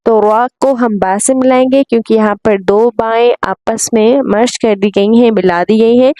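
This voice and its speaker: A woman's voice: fairly high pitch, fairly even intonation, normal speed, mellow, no echo. A woman teaching Quran recitation rules, patiently spelling out letters and vowel marks and drawing out the recited syllables. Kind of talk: tajweed lesson.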